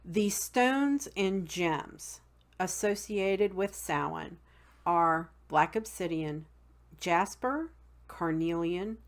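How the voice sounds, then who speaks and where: Woman, Southern accent, lowish voice, slow and chatty, a teacher who says um often. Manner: unhurried, many ums, spells words out. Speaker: host. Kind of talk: casual teaching talk.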